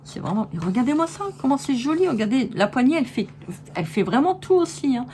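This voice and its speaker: A woman's voice: sits high, big pitch swings, fast talker, dark tone. Chatty lady showing off craft stuff, lots of euh and restarts, faint noise behind. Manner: chatty, enthusiastic, many fillers and restarts. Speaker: crafts vlogger. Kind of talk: casual haul video chat.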